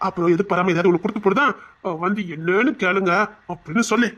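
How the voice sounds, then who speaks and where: A lovestruck young man with a past as a rowdy, played by a woman. He talks quickly and coaxes, teasing playfully. The voice sits at an ordinary pitch and keeps a soft, persuasive tone throughout this audio drama. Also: highs cut off, natural voice. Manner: fast, playful, coaxing. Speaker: bank manager. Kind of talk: Tamil audio drama acting.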